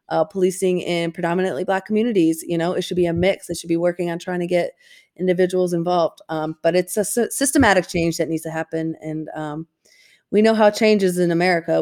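A woman's voice: on the low side, darkish tone. A woman co-hosting a casual podcast in an informal, self-deprecating way, with trouble saying her R sounds. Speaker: podcast co-host.

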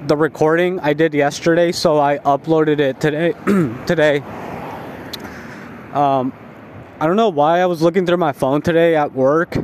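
A man who is high and tired, talking in a laid-back, rambling stoner drawl, like a casual spoken diary. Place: outdoors, walking along a residential street at night. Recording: outdoor street noise with passing cars.

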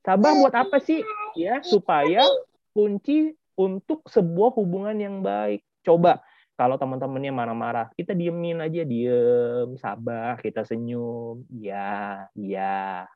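Lively Sunday school teacher man on a call. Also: fairly high pitch, measured pace, no echo. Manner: lively, acts out angry kids' quotes, asks questions. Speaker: children's ministry teacher. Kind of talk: animated Sunday school lesson over a video call. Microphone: video call. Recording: dull lo-fi video call audio.

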